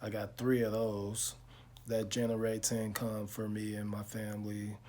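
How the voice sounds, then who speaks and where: A man, talking slowly and reflectively to his viewers in a casual vlog, with lots of pauses and fillers. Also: lowish voice, completely flat delivery, a little mellow, a little hiss or hum. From Chicago. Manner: slow, reflective storytelling with many pauses and fillers. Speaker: car vlogger. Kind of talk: casual talk to camera.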